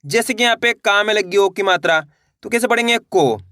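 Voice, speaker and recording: A man's voice: sits high, normal speed, sharp tone, no room sound, clean studio sound. A man teaching reading step by step, patiently spelling out letters and asking the viewer questions. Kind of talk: slow spelled-out reading lesson.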